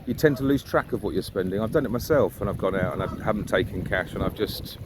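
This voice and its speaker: Out on a riverside walk, a vlogger with a fairly low voice muses quickly and casually, tossing out rhetorical questions. Birds and traffic fill the outdoor ambience.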